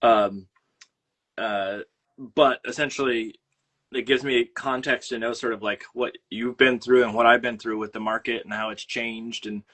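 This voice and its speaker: A man with a Minnesota accent hosts a casual livestream from his home, talking into a phone on a mount. His voice is bright and forceful, and he rambles along with plenty of fillers and restarts. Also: mid-range voice, fairly even intonation, measured pace. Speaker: host. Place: home studio room.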